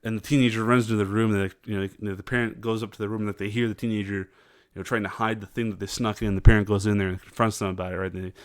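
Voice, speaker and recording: A man hosting casual political commentary, talking in a halting way with many fillers and restarts. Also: on the low side, level tone, no room sound, studio quality.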